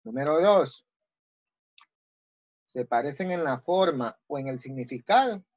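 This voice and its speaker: Slow, patient teacher with dull sound. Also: medium pitch, lively intonation, a little mellow, dry recording. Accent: Ecuadorian Spanish. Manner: explains step by step, asks "¿sí?" often. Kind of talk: recorded online class.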